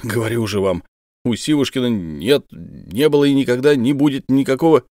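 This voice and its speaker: A man's voice: mid-range voice, moderate pace, darkish tone, no echo, studio quality, lightly acted. A man reading an audiobook, playing a stern, weary investigator who speaks firmly and commandingly. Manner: firm, commanding.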